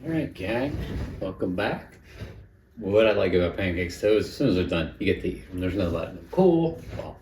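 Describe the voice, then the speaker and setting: Deep-voiced man chatting while cooking. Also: big pitch swings, normal speed, a little mellow, echoey room, far from the mic, slight background noise, rough recording. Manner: chatty, self-critical, talks while eating. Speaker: home cooking channel host. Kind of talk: casual cooking vlog with tasting.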